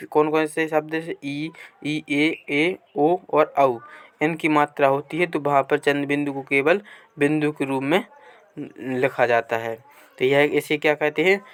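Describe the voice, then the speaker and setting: A man teaching a workbook lesson in a clear, smooth voice pitched a little high. He reads passages aloud at an unhurried pace. He keeps asking his class questions and then answers them himself. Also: fairly even intonation, no room sound. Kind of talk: Hindi grammar lesson explaining a workbook page.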